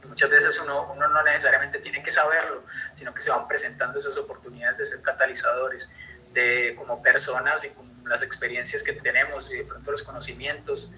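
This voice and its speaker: A young Colombian man with a Colombian accent gives an online conservation talk over a video call, using his computer mic. His medium-pitched voice is level and sharp, he speaks fairly quickly, and he fills his speech with fillers and restarts. The recording quality is low.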